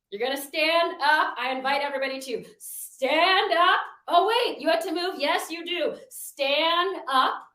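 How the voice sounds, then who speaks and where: A woman's voice: sits high, sharp tone. Upbeat woman guiding a workshop. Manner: upbeat, encouraging coaching tone. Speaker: workshop facilitator. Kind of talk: guided workshop instruction. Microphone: video call.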